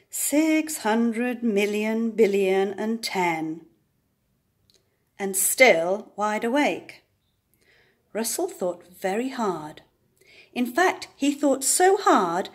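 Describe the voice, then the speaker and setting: An older woman, her voice fairly high, reads a picture book to small children with slow, expressive delivery and dramatic stress on words.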